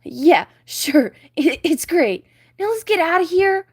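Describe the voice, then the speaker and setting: A woman voicing Flounder, a timid little male fish who talks in a squeaky, jittery, loud way. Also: very animated, slow pace, no room sound, studio quality, exaggerated voice. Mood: nervous.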